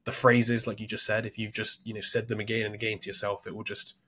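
A man's voice: lowish voice, flat delivery, quick pace, bright, forceful tone, a little hiss or hum. A man co-hosting a casual book-summary chat, thinking aloud with many restarts. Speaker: podcast co-host.

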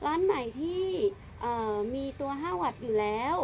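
A woman with a fairly high voice co-hosts a casual product demonstration. She is recorded outdoors, with clear ambient noise behind her. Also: lively intonation, moderate pace. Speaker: co-host of a product test. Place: outdoors by a lake.

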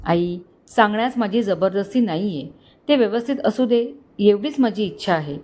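A woman's voice: mid-range voice, expressive, moderate pace, a little mellow, lightly acted. A woman voicing a hurt, tender young wife in a storybook, pleading and emotional. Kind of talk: storybook dialogue.

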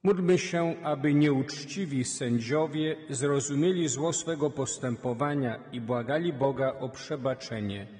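Priest in a reverberant church. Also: male voice, medium pitch, measured pace, hardly any pauses. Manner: steady liturgical reading. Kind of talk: reading the Gospel and leading prayers at Mass. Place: large church.

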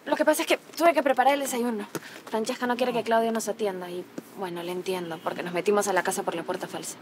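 A woman's voice: medium pitch, steady tone, fast, noisy background, lightly acted. An actress playing a proud, worried young woman with a Peruvian accent in a telenovela. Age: 20s. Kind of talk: telenovela acting.

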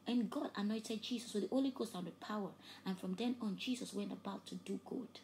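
Preaching fervently as host and preacher, a woman whose first language is Yoruba gives a sermon with an altar call in a mid-range voice, a little fast. She pushes to loud emphatic peaks and often sinks into soft, breathy near-whispers, with a faint hiss of noise underneath.

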